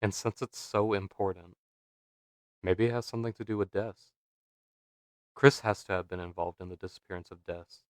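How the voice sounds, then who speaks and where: A man giving scripted narration for a video essay, measured and dramatic, posing rhetorical questions. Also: deep voice, steady tone, no echo.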